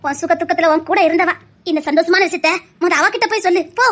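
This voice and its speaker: A woman's voice: very high-pitched, quick pace, a bit bright. A woman voicing a kindly old village mother in a cartoon, with a Tirunelveli Tamil accent, fond and blessing.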